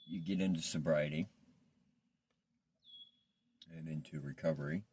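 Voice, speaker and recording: A man speaking without his teeth, slightly slurred, in a reflective, halting, rambling confessional monologue as a vlogger in addiction recovery. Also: darkish tone. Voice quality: toothless, slightly slurred speech from not wearing his teeth; very deep, gravelly, husky. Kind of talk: casual confessional monologue to camera.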